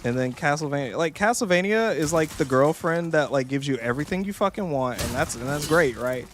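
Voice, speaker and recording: A man's voice: a little high, animated, a little fast, a little hiss or hum. A young man streaming a game, chatting casually in a jokey, profane, rambling way and slipping into mocking voices. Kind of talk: casual gameplay streaming chat.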